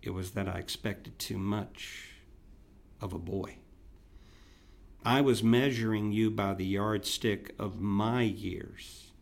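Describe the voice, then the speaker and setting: Slow, tender male reader. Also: on the low side, fairly even intonation, gravelly. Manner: tender and remorseful, voice dropping soft on key words. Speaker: podcast host. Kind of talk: dramatic reading of a classic letter.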